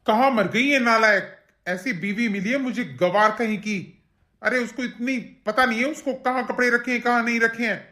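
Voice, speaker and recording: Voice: mid-range voice, normal speed, sharp tone, lightly acted. A voice actor playing an irritable, rude young husband in a cartoon, scolding and complaining. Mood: angry. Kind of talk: cartoon voice acting.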